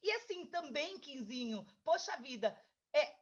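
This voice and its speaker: A woman, a children's author, tells a story to a child in a lively, coaxing way. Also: sits high, measured pace. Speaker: children's book author, guest. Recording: dull lo-fi recording.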